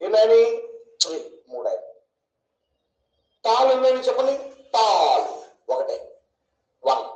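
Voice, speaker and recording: His pitch is extremely high, swinging widely, yet his delivery is unhurried and mellow. The man teaches an online English grammar lesson in an echoey room, answering his own questions and pulling words apart syllable by syllable.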